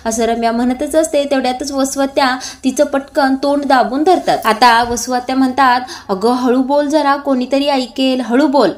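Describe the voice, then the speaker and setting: A woman retelling a TV serial episode, narrating the scenes and reading out each character's lines in a steady storytelling voice, with small filler sounds between phrases. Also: sits high, normal speed, few pauses.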